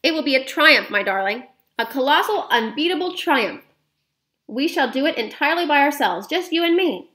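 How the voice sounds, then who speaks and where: A woman voicing a feisty, forceful old grandmother. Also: sits high, animated, normal speed, pitched above the performer's own voice. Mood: determined. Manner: forceful, emphatic. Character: bold, feisty old grandmother witch hunter.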